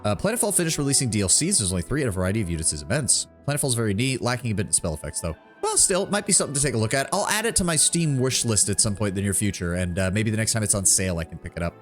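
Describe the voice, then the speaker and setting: A man's voice: on the low side, sing-song, very fast, hardly any pauses, soft background music. A man chatting casually as he streams a game and talks with his viewers. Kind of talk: casual gaming stream commentary.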